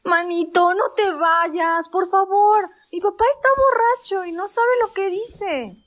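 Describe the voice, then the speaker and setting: A woman voicing a sweet young sister in a radio drama. Her very high voice is gentle and pleading. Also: measured pace.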